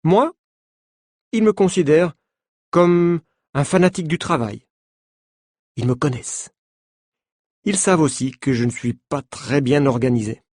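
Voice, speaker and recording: Slow, careful male story narrator. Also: fairly high pitch, lively intonation, darkish tone, dry recording, studio quality. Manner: careful, deliberate delivery. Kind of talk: slow, clear story reading for French learners.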